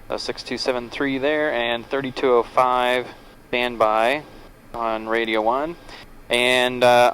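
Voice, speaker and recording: A man talks casually over a pilot headset as he narrates cockpit checks and procedures. His voice sits at a middle pitch, with faint aircraft noise behind it. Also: a bit bright, rough recording. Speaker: pilot and vlog host. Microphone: aviation headset. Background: aircraft cabin noise.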